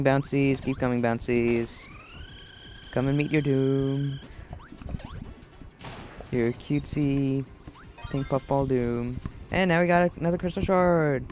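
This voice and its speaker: Rambling young man's game commentary. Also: medium pitch. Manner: rambling, fills silence with tangents and game trivia; bursts of excited shouting at the game. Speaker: let's play commentator. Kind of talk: casual gameplay commentary.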